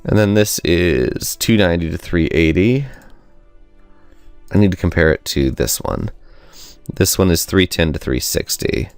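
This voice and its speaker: Low-pitched and resonant, this gaming channel host speaks at a measured pace in clear audio with no room sound and faint music behind. Though his voice is congested and nasal from a cold, he thinks aloud through his let's play, rambling with fillers.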